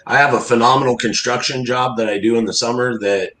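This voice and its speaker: A man's voice: mid-range voice, fairly even intonation, quick pace, a bit bright. Echoey, laid-back fisherman. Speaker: interview guest, crab fisherman. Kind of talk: casual conversational interview. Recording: roomy, echoey sound.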